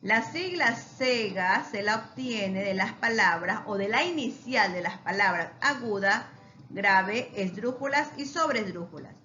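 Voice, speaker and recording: Slow, lively-voiced woman teaching a lesson. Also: mid-range voice, dull audio. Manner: slow, emphatic, asks rhetorical questions and answers them. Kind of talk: recorded online lesson.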